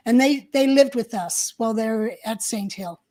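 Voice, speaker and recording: Older woman, high voice, co-host, casual live-stream chat, reminiscing, chatty. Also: moderate pace, a little mellow.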